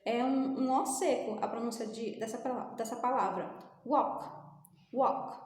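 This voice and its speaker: A woman's voice: a little high, a little slow, a little mellow. A woman from Brazil with a Brazilian Portuguese accent, teaching English grammar in a recorded class, patient and explaining step by step while often checking in with the students. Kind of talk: recorded remote class lesson. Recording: echoey room, long reverb.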